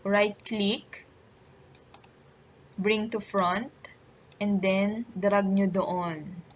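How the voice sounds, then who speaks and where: A woman with a Filipino accent presenting a step-by-step software tutorial in an instructional way, often adding short check-in tags. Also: mid-range voice, fairly even intonation, drawn-out words, slight background noise.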